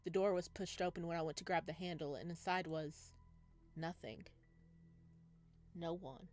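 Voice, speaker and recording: Low-pitched woman streaming a visual novel. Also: steady tone, normal speed, a little mellow, soft background music. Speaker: let's play streamer. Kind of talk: reading visual novel narration aloud with casual commentary. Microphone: wearing headphones.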